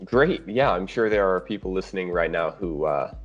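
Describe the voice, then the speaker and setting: A man's voice: low-pitched, animated, normal speed. A male interviewer asking brief, direct questions. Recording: dull lo-fi sound, faint music.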